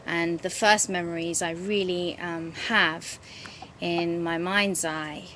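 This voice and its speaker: A woman speaks into a close webcam in a garden, in a somewhat low voice. She is thoughtful and halting, restarting her phrases as she goes. A faint hum of outdoor ambience sits behind her. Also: fairly even intonation, bright, forceful tone, poor audio. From England. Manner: reflective, halting, many ums and restarts. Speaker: vlogger. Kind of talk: casual talk to camera. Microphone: webcam at close range.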